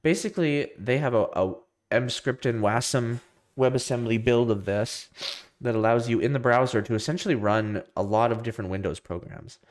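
A man's voice: medium pitch, moderate pace. A young man talking casually to his live stream while getting over a cold, his voice nasal and his talk loose and rambling. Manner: rambling, loose and self-deprecating, many restarts. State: tail end of a cold. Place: home room with a computer rack.

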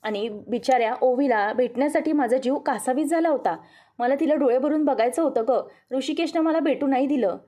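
A woman's voice: high-pitched, brisk, mellow. A woman voicing an angry grandmother who scolds her daughter-in-law in a stern, accusing tone. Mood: angry scolding.

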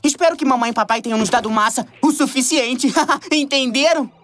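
A woman's voice: sits high, fairly quick, soft background music, lightly acted. A woman voicing a playful, joking brother in a cartoon dub.

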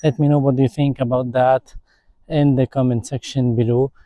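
A man's voice: medium pitch, little pitch movement, normal speed, warm tone, no echo. Man's voice through noise reduction. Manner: explanatory, talks straight to viewers. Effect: noise reduction switched on. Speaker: tech reviewer. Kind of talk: casual product review vlog. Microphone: clip-on wireless mic.

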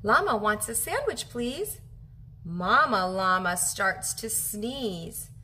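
In a home kitchen, a woman in her thirties reads a children's picture book aloud like a teacher, animated and expressive as she draws out phrases for young listeners. Her mid-range voice moves slowly, and there's a little hiss or hum.

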